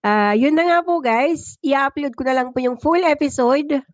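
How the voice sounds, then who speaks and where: Her voice is high-pitched and at normal speed, and the audio is muffled but free of room sound. She's a Filipino-accented storyteller who hosts a livestream, switching between dramatic first-person tales and relaxed chat with her viewers.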